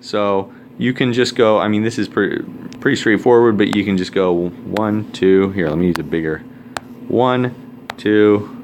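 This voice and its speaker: A man's voice: fairly low pitch, unhurried, a little mellow, slight background noise. A man teaching a recorded math lesson, talking casually with joking asides while he writes out formulas.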